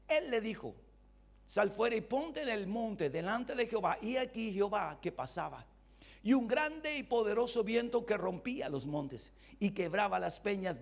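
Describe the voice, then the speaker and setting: Male pastor teaching a Bible study, high voice with big swings, rhetorical questions to the room. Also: creaky. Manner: animated, rhetorical questions to the congregation; voices God's replies in a low voice.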